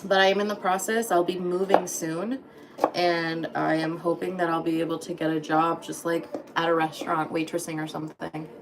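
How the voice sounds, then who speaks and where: A woman's voice: deep voice, little pitch movement, a little fast, creaky, hardly any pauses, very noisy. A woman in her thirties chatting casually on a livestream from her home kitchen, greeting viewers by name. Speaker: livestream host. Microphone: phone.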